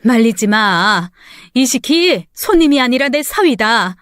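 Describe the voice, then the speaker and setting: A woman's voice: fairly high pitch, big pitch swings, slow, fairly bright tone, no echo, studio quality, full character voice. A woman voicing a furious elderly mother-in-law who curses and scolds her son-in-law in a dramatized story. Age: older. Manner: scolding, cursing. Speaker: story character voice.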